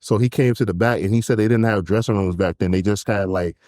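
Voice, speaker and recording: A man's voice: fairly low pitch, fast talker, no echo, clean studio sound. A man co-hosting a music podcast, telling stories and arguing his views in casual chat. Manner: animated storyteller, opinionated. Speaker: podcast co-host.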